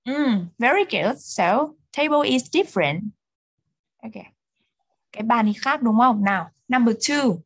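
Patient, slow-talking Vietnamese woman teacher. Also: on the high side, expressive, breathy edge, no echo. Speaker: English teacher. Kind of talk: online repeat-after-me language drill.

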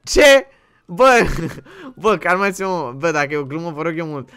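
A man playing in a game roleplay, pleading in a panic and shouting the same pleas again and again. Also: a little high, clear, resonant tone. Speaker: roleplay streamer. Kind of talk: casual game roleplay chat.

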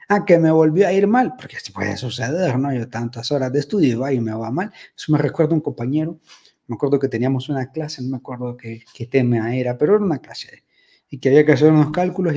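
A man's voice: mid-range voice, dark tone, husky. A man giving advice in a casual, reflective monologue, telling personal stories and often checking in with tag questions.

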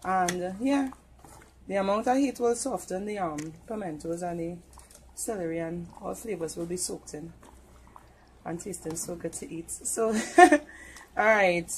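A woman's voice: fairly low pitch, a little slow, a little hiss or hum. A woman with a Trinidadian accent, chatting casually as she walks viewers through cooking steps in her home kitchen. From Trinidad and Tobago. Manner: chatty, talks viewers through each step. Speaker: home cook.

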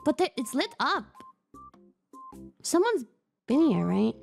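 A woman streams a game in a very high, animated voice. She sounds scared and jumpy, gasping and yelping between unhurried bits of commentary. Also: vocal fry, faint music behind. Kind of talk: live gameplay commentary.

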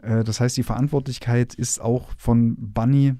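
A man's voice: mid-range voice, fairly even intonation, normal speed, dark tone, no room sound, clean studio sound. A man hosting a podcast, explaining a novel's plot in a casual, conversational way. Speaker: podcast host. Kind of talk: casual book discussion.

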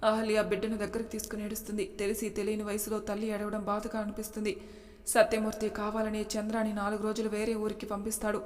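Even-voiced woman narrating a story. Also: medium pitch, fast. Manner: steady, matter-of-fact reading. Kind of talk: audiobook narration. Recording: long reverb.

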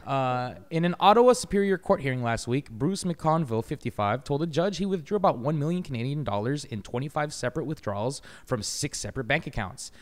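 Man reading news with lively pitch. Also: a little fast, few pauses, big-room sound. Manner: reads steadily in a news-report cadence. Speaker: podcast co-host reading a news item. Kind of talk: reading a news article aloud.

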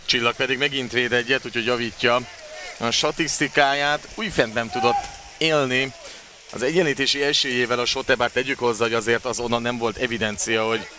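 Male live sports commentator, mid-pitched, play-by-play, noticeable venue noise. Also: fairly even intonation. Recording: clear background noise of an outdoor venue.

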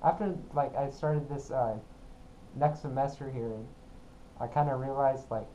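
A young man vlogging casually in a mellow voice at a middling pitch, with halting, apologetic phrasing. The sound is a little dull, with some noise behind him. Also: steady tone. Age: young adult. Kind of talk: casual vlog to camera. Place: small room at home. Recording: dull, muffled sound with clear background noise.

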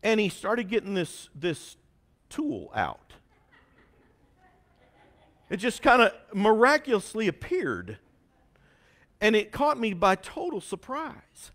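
A man's voice: high-pitched, takes it slowly, long pauses. A man, a pastor telling a self-mocking story in his sermon. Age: 40s. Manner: animated, self-mocking storyteller with a folksy drawl. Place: church sanctuary.

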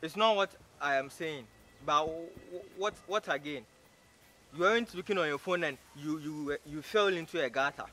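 An arrogant, scornful stranger in a short drama, his voice bright and forceful and sitting a bit high. He mocks and scolds in stammering, repetitive bursts. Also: moderate pace, a little hiss or hum. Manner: scornful, mocking, repeats himself in stammering bursts. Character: rude, arrogant young man insulting a stranger. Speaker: actor in a short film. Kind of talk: short-film drama acting.

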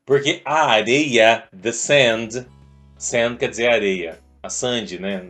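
A man teaches English through a rock song, explaining each line patiently in a voice of ordinary pitch. Now and then he stretches lyric lines out slowly as he sings them. Faint music plays behind him. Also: a bit bright. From Brazil.

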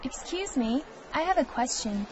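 A woman's voice: high voice, lively intonation, a little mellow. A woman voicing an eager young female student, carefully enunciated, in a scripted textbook audio dialogue. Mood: curious. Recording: dull lo-fi audio with clear hiss.

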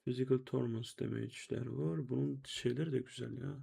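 A young man narrates his gameplay in a loose, running commentary, talking to his viewers and to himself and exclaiming when things go wrong. His voice is mellow and dark with a gravelly edge. Keyboard clicks sit behind him. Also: mid-range voice, fairly even intonation, a little fast. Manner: chatty, talks to himself and viewers while playing, exclaims at deaths. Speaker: gameplay streamer. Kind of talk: casual let's-play commentary.

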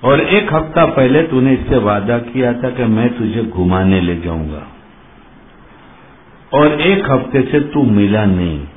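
A male religious preacher giving a lively sermon, quizzing his listeners and acting out little dialogues. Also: mid-range voice, measured pace, a little hiss or hum. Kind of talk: sermon with questions to the audience. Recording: muffled phone-like sound.

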